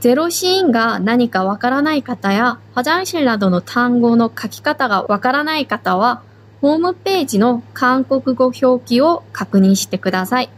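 Woman, podcast language teacher, slightly high voice, calm step-by-step explainer. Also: moderate pace, rough recording. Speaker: Korean language instructor. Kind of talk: slow, patient language lesson.

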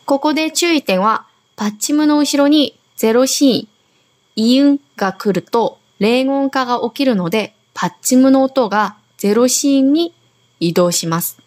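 A woman's voice: high voice, moderate pace, a little mellow. A Korean woman hosting a radio language lesson, patiently explaining grammar and modelling words to repeat. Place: Okinawa.

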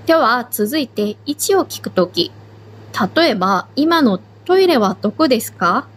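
Higher-voiced woman teaching patiently. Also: very animated, unhurried, slightly rough, low-quality recording. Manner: explains grammar step by step. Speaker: Korean language instructor. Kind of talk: slow, patient language lesson.

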